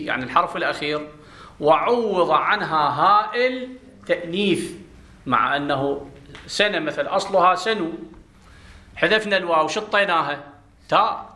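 A man's voice: on the high side, sharp tone, roomy sound. A man teaching a grammar class, explaining step by step and putting questions to his students. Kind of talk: classroom lesson.

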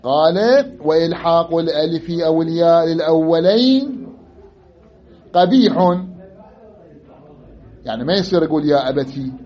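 A man with an Iraqi Arabic accent teaches a grammar class, drilling example phrases and quizzing his students. His voice sits a bit high for a man. The recording is dull and lo-fi. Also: a little mellow.

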